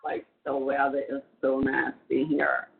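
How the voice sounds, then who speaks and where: A woman's voice: extremely low pitch, monotone, unhurried, creaky, breathy edge. A woman talking on a prison payphone call, rambling casually with many fillers. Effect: heard over a prison payphone call. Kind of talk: casual phone chat. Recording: tinny phone line.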